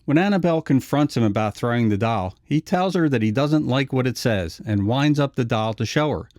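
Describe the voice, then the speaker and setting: A man's voice: mid-range voice, animated, fairly quick, darkish tone, no echo. A man narrating a scripted retrospective video essay.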